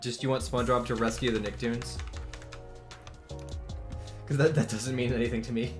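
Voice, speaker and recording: Chuckling often and rambling with plenty of fillers and restarts, this man in his twenties chats casually while drawing on a live stream. His voice is medium-pitched and steady at a moderate pace, over faint background music.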